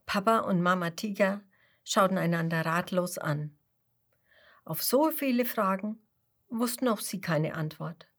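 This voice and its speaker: Slow, gentle woman storyteller. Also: on the low side. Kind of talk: children's story reading.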